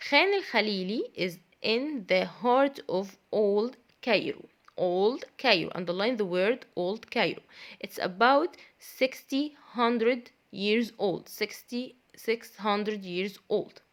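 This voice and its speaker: A woman teaches a children's English grammar lesson at a slow, unhurried pace. She repeats each key phrase, asks her pupils questions and praises their answers. Her voice sits at a middle pitch. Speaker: primary school English teacher.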